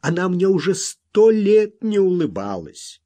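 A hot-tempered miner bursts out in heated, pleading protests, as a man reads him aloud. The voice jumps well above the narrator's usual, loud and swinging wildly. Words come slow and drawn out in the big moments. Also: high voice, big pitch swings, voice pushed up. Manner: explosive, pleading, blustering.

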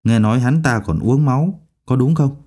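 Man voicing a nosy, excited classmate. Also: mid-range voice, normal speed, lightly acted. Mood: eager. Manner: eager, prying questions.

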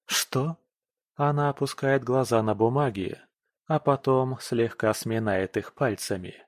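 A man narrating a first-person audiobook in a calm, cold, even manner. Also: medium pitch, unhurried, no echo, clean studio sound.

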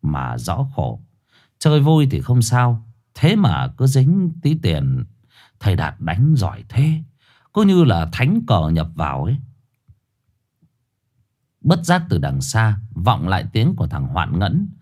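A man tells a ghost story in a low voice, his pitch rising and falling with lots of life. His delivery is colloquial and vivid, the way a storyteller spins a yarn. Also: huge pitch swings, slow pace, pauses often, mellow.

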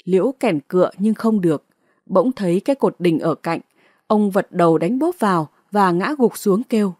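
Woman audiobook narrator, expressive reading, dry recording, mid pitch. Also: moderate pace, no echo. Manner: dramatic, clear storytelling.

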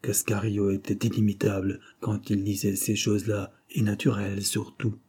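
Husky dark-voiced male audiobook narrator. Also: on the low side, level tone, moderate pace. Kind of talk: reading a classic novel aloud.

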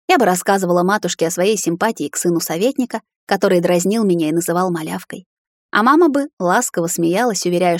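A woman narrating a fantasy novel in the first person, reading in a steady, dramatic way. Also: fairly low pitch, dry recording, studio quality. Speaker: audiobook narrator.

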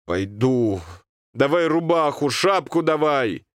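A man's voice: a little high, lively intonation, takes it slowly, no room sound, studio quality, voice pushed up. A man voicing a stubborn, sickly young boy in a storybook reading, insisting and pleading.

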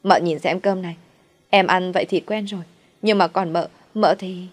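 A woman's voice: lowish voice, fairly even intonation, normal speed, close to an everyday voice. A woman voicing a young female servant who pleads and protests on her mistress's behalf. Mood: indignant. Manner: pleading, indignant.

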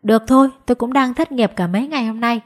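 A woman voicing a loud, boastful middle-aged village man in a spoken ghost story. Her voice is husky and emphatic. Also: a little high, fast, voice pushed up, natural voice. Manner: raised, emphatic.

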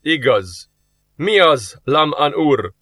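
A man's voice: on the high side, sing-song, a bit bright, dry recording, voice pushed up. A man playing a curt suspicious demon. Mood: sarcastic. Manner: curt, sarcastic, wary. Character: gruff suspicious male demon. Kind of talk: audiobook character voice.

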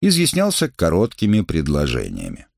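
Very deep-voiced male audiobook narrator. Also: huge pitch swings, gravelly, darkish tone, dry recording, clean studio sound. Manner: measured literary reading. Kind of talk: scripted narration.

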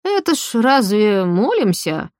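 A woman voicing a nervous, fidgety old boyar nobleman who talks slowly in a folksy, flustered manner. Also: medium pitch, sing-song, darkish tone, dry recording, clean studio sound.

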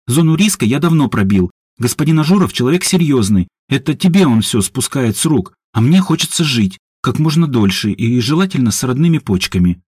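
A man voicing a calm, wry young man with an unruffled manner. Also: medium pitch, fairly quick, slightly rough, no echo, studio quality, voice pushed up.

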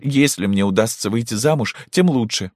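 A man's voice: on the low side, expressive, normal speed, no room sound, clean studio sound, pitched above the performer's own voice. A man voicing a tearful young girl who pleads dramatically with her mother, in an audiobook. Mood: defiant.

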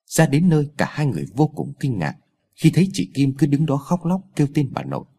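A man narrating a ghost story in an expressive, dramatic way. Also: a little high, fairly quick.

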